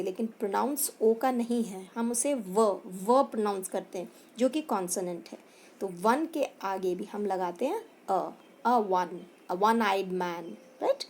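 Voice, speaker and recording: A woman's voice: a little high, a little mellow, a little hiss or hum. A woman teacher with an Indian accent giving a grammar lesson, mixing Hindi and English and spelling words out letter by letter. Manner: mixes Hindi and English, addresses pupils as beta. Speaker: school teacher.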